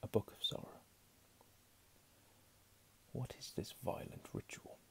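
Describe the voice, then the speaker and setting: A man reading under his breath in a hushed ASMR whisper, with casual murmured asides. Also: slight background noise. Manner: slow, hushed delivery. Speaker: ASMR reader.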